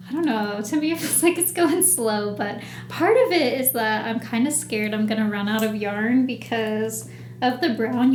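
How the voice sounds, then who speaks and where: A woman's voice: a little high, slight background noise. A woman co-hosting a podcast in a chatty, rambling casual chat. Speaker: podcast co-host. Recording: echoey room.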